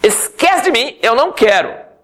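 A man's voice: very high voice, very animated, unhurried, a bit bright, slight background noise, voice pushed up, full character voice. A man voicing a despairing adult male prophet who pleads to be left out of his calling. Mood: whiny refusal. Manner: whiny, pleading.

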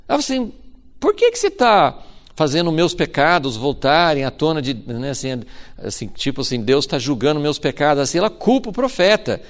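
Lively Brazilian-Portuguese-speaking male preacher. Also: on the high side, fairly quick. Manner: retells stories by acting out voices, with many fillers. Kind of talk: Bible teaching sermon.

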